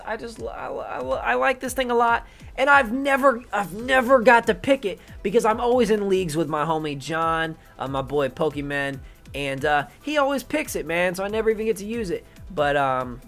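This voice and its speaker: A young man casually rambling through his picks for an online league, swearing offhand and filling gaps with "um" and "uh". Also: on the high side. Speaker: YouTuber talking through his league draft. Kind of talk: casual unscripted commentary to camera.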